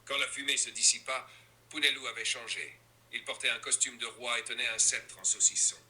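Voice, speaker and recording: A man's voice from an AI assistant, narrating silly stories with lively, theatrical jumps in pitch. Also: brisk. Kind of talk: storytelling narration.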